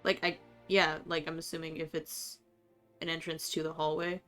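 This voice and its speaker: Brief: female player, lowish voice, casual and tentative. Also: level tone, normal speed, fairly bright tone, soft background music. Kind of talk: casual tabletop play.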